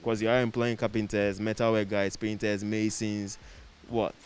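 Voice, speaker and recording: A man's voice: lowish voice, flat delivery, moderate pace. A man with a Ghanaian accent talking casually as an interview guest, repeating phrases for emphasis. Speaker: interview guest, production set designer. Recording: clear background noise with hiss.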